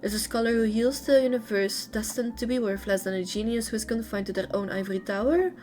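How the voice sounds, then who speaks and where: A woman's voice: fairly high pitch, quick pace, darkish tone, natural voice. A woman voicing a devoted young female assistant from a game's lore, telling her account in an earnest, eager way and close to her own voice.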